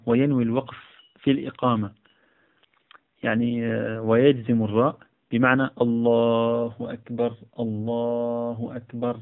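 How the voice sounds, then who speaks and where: A man reading and explaining a text on Islamic law as a teacher, often repeating phrases and correcting himself with fillers. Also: medium pitch. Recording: tinny phone-like audio.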